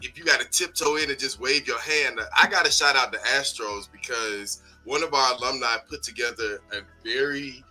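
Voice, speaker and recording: A man's voice: medium pitch, moderate pace, hardly any pauses, bright, forceful tone, faint music behind. A man hosting a morning talk show, upbeat and casual, calling listeners y'all and baby.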